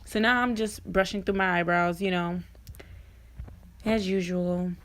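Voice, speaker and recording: A woman narrates a beauty tutorial as a vlogger would. She is chatty and informal, speaking straight to her viewers at a middling pitch. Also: a little fast, fairly bright tone, a little hiss or hum. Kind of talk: casual makeup tutorial voice-over.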